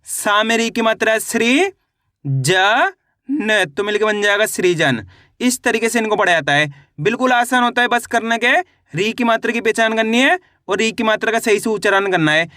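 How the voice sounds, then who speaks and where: A man teaching children to read, spelling out each syllable slowly and then blending it into the whole word. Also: sits high, pushed and bright, dry recording, studio quality. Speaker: Hindi reading teacher. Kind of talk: slow syllable-by-syllable reading lesson.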